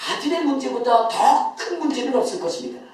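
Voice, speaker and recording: A man's voice: very high-pitched, very animated, a little fast. A male pastor gives a Sunday sermon with emphasis. He quizzes his congregation and often laughs as he talks. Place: church sanctuary. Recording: very echoey church, voice from far off.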